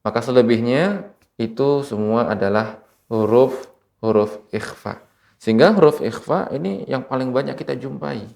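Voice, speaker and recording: A man from Indonesia teaching Quran recitation rules on television, speaking slowly and patiently and repeating each example word. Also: medium pitch, vocal fry, darkish tone. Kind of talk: televised tajwid lesson. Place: TV studio.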